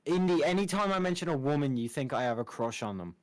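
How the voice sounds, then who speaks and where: A young man in a casual podcast chat, swearing freely and quickly getting exasperated when teased. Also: a little high, expressive.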